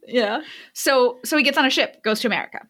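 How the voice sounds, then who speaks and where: Retelling a book's plot to a friend, a young woman rambles casually with lots of fillers and restarts. Her voice is high-pitched, a bit bright, and quick.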